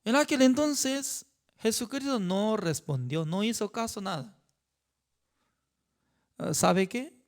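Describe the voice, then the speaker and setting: A male pastor leading a Bible study, talking in a halting way with non-native phrasing and frequent rhetorical asides. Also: high-pitched, animated.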